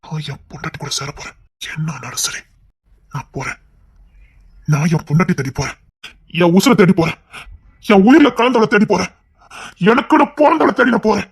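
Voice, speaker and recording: A man voicing a lovesick husband in an audio drama, making hushed, intense vows. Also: sits high, lively intonation, fairly quick, vocal fry, pauses often, breathy edge, heavily acted. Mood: determined. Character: lovesick husband, desperate and determined. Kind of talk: Tamil audio drama acting.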